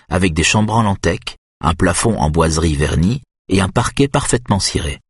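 A man narrating an audiobook in an even, measured reading. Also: low voice, breathy edge, no room sound, clean studio sound.

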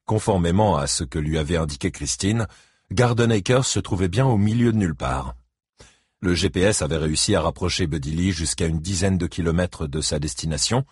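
A man reads a novel aloud in a steady, measured way. His voice sits somewhat low with a husky grain, recorded dry and close. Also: no echo. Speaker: audiobook narrator. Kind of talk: scripted narration.

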